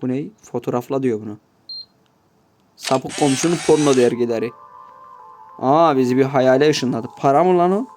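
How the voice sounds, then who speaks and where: A man's voice: medium pitch, moderate pace, pauses often, darkish tone, soft background music. A man giving casual gameplay commentary, swearing constantly and grumbling to his viewers in mock-offended asides. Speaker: gameplay YouTuber.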